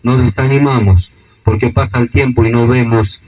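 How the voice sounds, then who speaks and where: A man's voice: mid-range voice, steady tone, normal speed, a little mellow, recorded from a distance, low-quality recording. A man with a Rioplatense accent preaching a sermon. He retells scripture stories and often adds a questioning "no?". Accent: Rioplatense Spanish.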